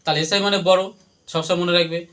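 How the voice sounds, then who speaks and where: A male teacher with a high, bright voice races through a classroom lesson. He drills his students by asking the same questions again and again so they chant the answers back. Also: fairly even intonation, quick pace. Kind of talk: classroom lesson with call-and-response.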